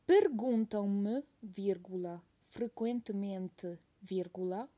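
A woman's voice: mid-range voice, lively intonation, slow pace, mellow. A woman giving a dictation as a teacher, reading each phrase twice and saying the punctuation marks aloud.

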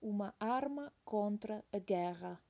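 Woman reading out a dictation real slow, repeats every bit, says the commas out loud, soft mellow voice. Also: medium pitch, lively intonation, gravelly. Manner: repeats each phrase slowly, calling out punctuation. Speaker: dictation teacher. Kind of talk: slow dictation with punctuation read aloud.

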